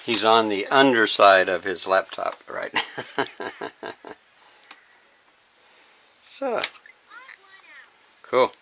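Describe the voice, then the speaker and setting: A man's voice: lowish voice, drawn-out words, long pauses, bright, forceful tone. A father chatting casually while filming his son, coaxing the boy, heard through home camcorder audio with faint hiss. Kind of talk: casual home-video commentary.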